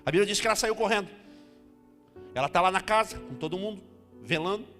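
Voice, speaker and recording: High-voiced, dramatic preacher in a hall. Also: male voice, quick pace. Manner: animated and dramatic, acting out the scene. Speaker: pastor. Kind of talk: sermon. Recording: reverberant hall with faint music.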